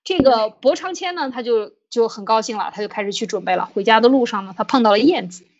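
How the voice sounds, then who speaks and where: A woman with a somewhat high voice hosts a podcast and retells an old tale in a loose, chatty way. She circles back, restarts her phrases and fills the gaps with small hesitations. She voices the quoted figures in her own everyday voice. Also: expressive, fast talker, dull audio. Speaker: podcast host. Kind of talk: storytelling commentary.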